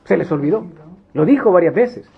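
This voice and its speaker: A man with a notably high voice leads a Bible study. He is emphatic, repeating key lines for weight and slipping into small acted scenes. The recording sounds dull and lo-fi. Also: expressive, a little fast, gravelly. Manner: emphatic, repeats key phrases, acts out little quoted scenes. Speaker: preacher.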